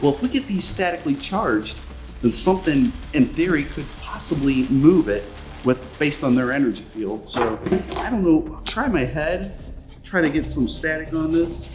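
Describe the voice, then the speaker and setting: A man's voice: fairly high pitch, animated, normal speed, background noise. A man talking casually to camera as a paranormal investigator, rambling and self-deprecating. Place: stuffy indoor upper room.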